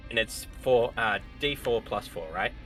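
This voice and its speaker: A man's voice: mid-range voice, unhurried, a bit bright, soft background music. A man chatting casually as a player in a tabletop role-playing game.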